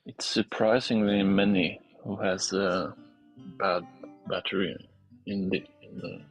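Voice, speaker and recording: A man chatting casually on a livestream, trading slow, teasing banter with the host. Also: deep voice, fairly even intonation, soft background music, low-quality recording.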